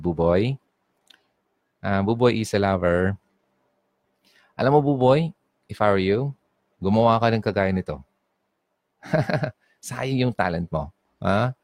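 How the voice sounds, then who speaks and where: Listener messages get read out by a young Filipino DJ with a Bicolano accent, from Bicol, who runs a casual online call-in radio show and chats freely in Taglish. His voice sits low and the audio is dry.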